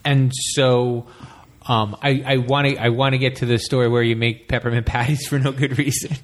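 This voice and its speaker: A man hosting a casual podcast interview, feeling his way haltingly through questions and rephrasing them as he goes. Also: mid-range voice, little pitch movement.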